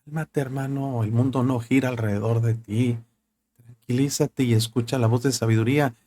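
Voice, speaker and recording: A man's voice: medium pitch, fairly even intonation, normal speed, mellow. A male pastor preaching a sermon in a conversational style, with rhetorical questions and asides to the congregation.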